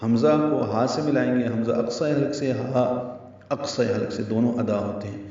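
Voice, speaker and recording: A man's voice: medium pitch, fairly even intonation, dark tone. Man teaching tajweed in an echoey room. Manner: explains rules step by step, sometimes chanting short examples. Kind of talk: tajweed lesson. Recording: echoey, distant, muffled recording.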